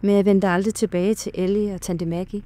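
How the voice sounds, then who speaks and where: A woman giving a slow, hushed and dramatic scripted horror narration, with sudden loud cries. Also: mid-range voice, level tone.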